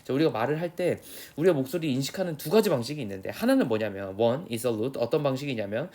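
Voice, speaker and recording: Animated and mid-range, with a darkish tone, a young male English teacher speaking with a Korean accent delivers an exam prep lecture. He reads the English lines slowly, then switches to quick, casual explanation.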